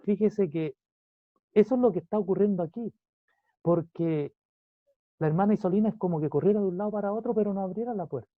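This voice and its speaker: A man delivers a sermon in a somewhat high voice, teaching in a conversational way with frequent asides to the congregation. The sound is dry and tinny, like a phone line. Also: fast, long pauses, no room sound. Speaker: preacher.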